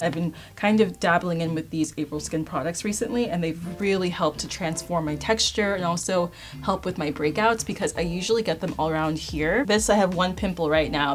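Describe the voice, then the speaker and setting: A woman in her late twenties, a beauty vlogger chatting casually and upbeat to her viewers. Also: on the low side. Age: 20s. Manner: chatty, upbeat, addresses viewers as you guys. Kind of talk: casual chat to camera. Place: indoor filming space.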